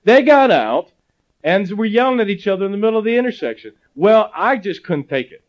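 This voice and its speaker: A little fast and pitched high, a middle-aged pastor from Ohio delivers his sermon through lively storytelling and jokey asides. It's captured on lo-fi audio that sounds slightly dull.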